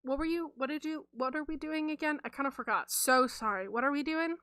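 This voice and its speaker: A dim-witted cartoon shrimp henchman, played by a woman, eager to fight but unsure why. His voice is high and bright, with rambling, apologetic hesitations. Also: brisk, dry recording. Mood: muddled.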